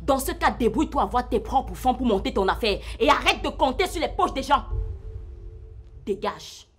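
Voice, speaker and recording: A woman's voice: sits high, expressive, moderate pace, faint music behind. A woman with a Cameroonian French accent playing a firm wife who runs a restaurant. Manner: firm, dismissive. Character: proud, firm wife and elder sister.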